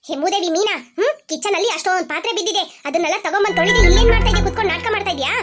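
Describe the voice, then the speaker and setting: Cartoon aunt, harsh and contemptuous, a shade lower than the rest, voiced by a woman; loud background score. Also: racing, loud music behind the voice. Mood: scolding. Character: harsh scolding aunt, cruel stepmother type. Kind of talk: cartoon voice acting.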